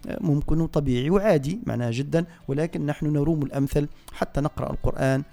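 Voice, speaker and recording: A man with a Tunisian accent teaching Quran recitation on the radio, explaining pronunciation slowly and repeating words to correct them. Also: fairly high pitch, creaky, dark tone. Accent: Tunisian Arabic. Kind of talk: radio tajweed lesson with recitation. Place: radio studio.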